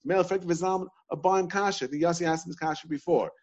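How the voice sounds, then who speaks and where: A man's voice: on the high side, fairly even intonation, racing, darkish tone, dull audio. Man teaching a Talmud class. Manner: repetitive, questioning, restarts often.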